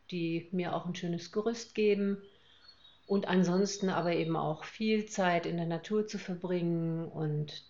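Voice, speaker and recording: Older woman, northern German accent, low voice, thoughtful and hesitant, muffled sound. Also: darkish tone. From Hamburg, Germany. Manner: thoughtful, hesitant with many fillers. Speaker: interview guest, former teacher. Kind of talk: podcast interview.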